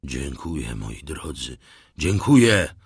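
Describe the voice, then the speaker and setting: Guy doing a soft sad older shipowner, deep voice, swings up and down. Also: expressive, unhurried, husky, no room sound, clean studio sound, heavily acted. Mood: moved. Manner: soft, warm, sorrowful. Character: ruined older shipowner, gentle, sorrowful.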